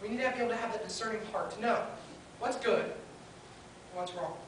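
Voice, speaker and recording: A woman's voice: mid-range voice, brisk. A woman preaching a sermon at a pulpit microphone, earnestly building her points in short listed phrases. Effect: spoken into a pulpit microphone. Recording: very echoey hall, heard from far off, faint hiss.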